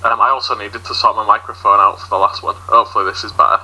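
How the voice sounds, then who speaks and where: A man with a broad Yorkshire accent and a husky voice, chatting casually as a podcast guest. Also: on the low side, steady tone, quick pace, bright, forceful tone, poor audio. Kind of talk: casual group podcast chat.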